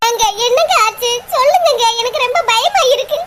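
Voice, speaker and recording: A woman's voice: expressive, brisk. A woman voicing several characters in a cartoon comedy dub. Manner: high squeaky voice. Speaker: cartoon voice artist. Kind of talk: Tamil cartoon comedy dubbing. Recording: loud background noise.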